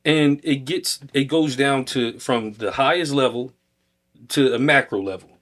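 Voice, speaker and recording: A man co-hosts a casual podcast. He lays out his points step by step in an easygoing, conversational way, at a mid pitch. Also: measured pace. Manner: relaxed, explanatory, builds points step by step. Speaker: podcast co-host.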